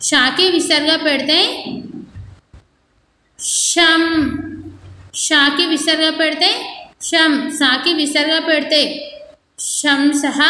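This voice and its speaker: A woman schoolteacher giving a lesson to young children, slowly drilling syllables in a sing-song way and quizzing them. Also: high-pitched, sharp tone. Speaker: school teacher. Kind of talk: recorded lesson for young pupils. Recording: echoey room, faint noise.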